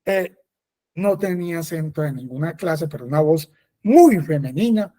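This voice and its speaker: Mellow-voiced friar giving catechesis. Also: male voice, a little high, animated, normal speed. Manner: conversational, repeats himself, frequent affirming "sí". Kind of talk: spoken catechesis, personal testimony.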